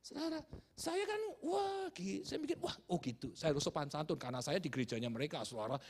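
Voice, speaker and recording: A male pastor from Java, Indonesia, telling a humorous story in a sermon, swinging from shouted hallelujahs to hushed asides. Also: a little high, very animated, fast, breathy edge. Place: church sanctuary. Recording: long church-hall reverb.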